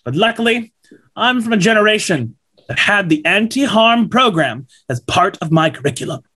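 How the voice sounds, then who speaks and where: Playing a slick, upbeat corporate representative who lectures schoolboys, a man in his thirties gives a full character voice during a script table read over video call at home. His tone is high, pushed and bright with a breathy edge and big pitch swings, at a moderate pace, earnest and persuasive.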